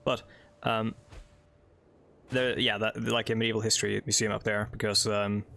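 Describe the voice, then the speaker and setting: Here the Norwegian let's play host sounds fairly low and flat, moving at a moderate pace with a creaky, pushed, bright quality. English isn't his first language; he rambles through the game, reading its text and adding filler-laden asides.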